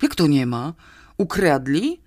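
Reader voicing a gruff puzzled cop in an audiobook, loud and blunt, dry close sound. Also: mid-range voice, big pitch swings, measured pace, no room sound. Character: puzzled male police officer.

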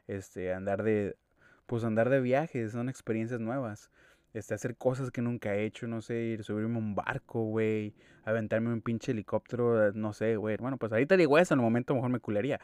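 A man's voice: fairly low pitch, clear, resonant tone, dry recording, clean studio sound. A young man with a Mexican accent rambling casually in a monologue, slangy and full of swearing. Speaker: podcast host.

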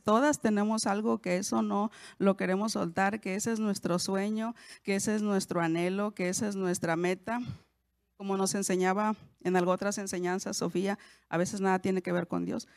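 A woman's voice: medium pitch, vocal fry, dry recording, studio quality. A woman, hosting a podcast and teaching the Bible to women in a conversational way, often asking her listeners questions and correcting herself as she goes.

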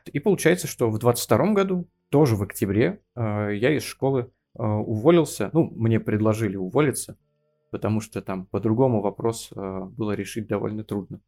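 A Russian man in his thirties, a geography teacher appearing as a guest on a podcast, talks in a casual interview. His voice is on the low side and dark in tone, and he speaks fairly quickly. He sounds hesitant, with lots of fillers.

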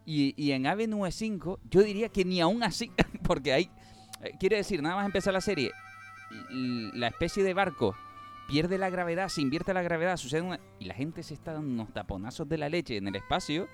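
Animated man chatting about series. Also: a little high, fairly quick, soft background music. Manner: animated storyteller, acts out quoted lines. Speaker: podcast host. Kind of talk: casual chat about streaming series.

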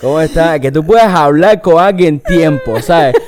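A Cuban man co-hosting a podcast in casual chat, animated and acting out the voices of people he quotes. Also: a little high, unhurried, music in the background. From Cuba. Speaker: podcast co-host. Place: Los Angeles.

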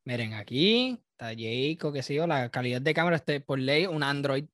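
A man's voice: medium pitch, expressive, normal speed, noisy background. A man with a Puerto Rican Spanish accent hosting a casual podcast, reacting loosely and profanely and laughing often. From Puerto Rico. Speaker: podcast host.

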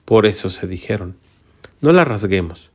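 A man reading a Gospel passage aloud in a measured, solemn liturgical style. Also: lowish voice, expressive. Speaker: scripture reader.

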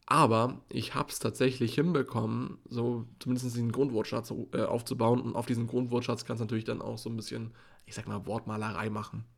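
A man's voice: mid-range voice, level tone, a little fast, vocal fry. A teenage boy co-hosting a casual podcast, rambling through school anecdotes with lots of fillers. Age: teens. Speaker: podcast co-host, school student.

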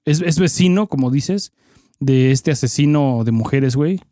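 Mexican man, mellow dark tone, dry close sound, slangy podcast banter. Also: medium pitch, normal speed, no echo. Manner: slangy, ends phrases with filler slang. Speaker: podcast co-host. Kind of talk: casual crude chat.

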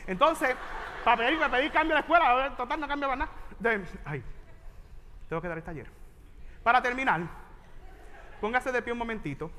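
A man with a Puerto Rican accent gives a joking motivational talk to a large audience of teachers. His voice sits very high and sounds bright and forceful. He is animated and breaks into sudden loud exclamations. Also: a little fast, pauses often. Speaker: voice teacher and keynote speaker.

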